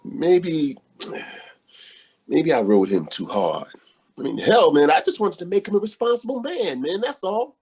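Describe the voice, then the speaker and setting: A man's voice: on the high side, very animated, unhurried, a little mellow, husky, exaggerated voice. An actor playing Paul, a blunt, folksy and worried father, in a stage play reading. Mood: gruff.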